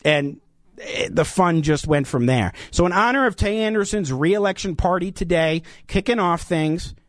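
An American man hosting an opinionated radio talk show, speaking emphatically with halting self-corrections into a studio microphone. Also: high voice, dry recording. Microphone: close studio radio microphone.

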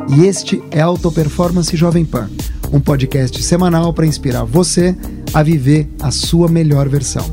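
A man hosting a podcast, speaking in a polished, upbeat, motivational way. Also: on the high side. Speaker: podcast host. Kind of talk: podcast intro and interview.

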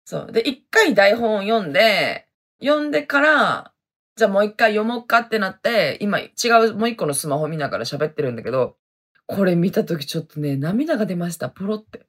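Husky woman podcast host just chatting, lots of laughs, voice jumps all over. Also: mid-range voice, animated, fairly quick. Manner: chatty, laughs often, breaks into sung jingles. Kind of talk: casual solo chat reading listener messages.

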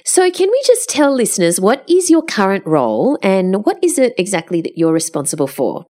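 A woman hosting a podcast, reading a scripted introduction, then asking questions with an emphatic, lively manner. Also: medium pitch, normal speed. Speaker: podcast host.

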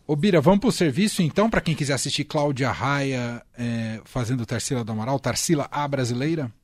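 A man with a Brazilian Portuguese accent hosts a radio culture slot and asks his guest questions in an easygoing way. His voice has a medium pitch and is recorded dry and close in a studio. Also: a little fast, no echo. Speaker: radio host. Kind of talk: radio interview chat.

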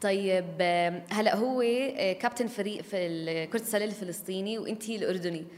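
Levantine-accented woman, casual interviewer. Very quick delivery, English words mixed in, reverberant room. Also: mid-range voice, a little mellow. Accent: Levantine Arabic.

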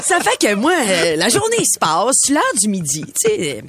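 Animated Québécois woman telling a story. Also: medium pitch, normal speed, slightly rough. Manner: lively, animated anecdote telling. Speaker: radio morning show co-host. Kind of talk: comic storytelling.

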